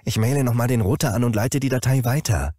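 A man's voice: mid-range voice, fast, dark tone, dry recording, studio quality, voice pushed up, natural voice. A man voicing an anxious male smart fridge in a spoken story, talking in an urgent, earnest way.

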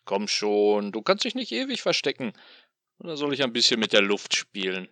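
A man voicing a sadistic, mocking male machine demon in an audio drama, taunting in a drawn-out, sing-song way. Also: fairly low pitch, sing-song, a bit bright, dry recording.

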